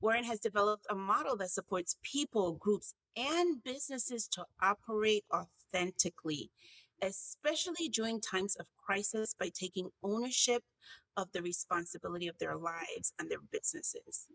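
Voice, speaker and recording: A woman podcast host speaks at a middling pitch with noticeable creak. The recording is close and dry, and her delivery is conversational as she hosts. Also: lively intonation, normal speed, fairly bright tone, no echo, rough recording. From US Virgin Islands (St. Croix).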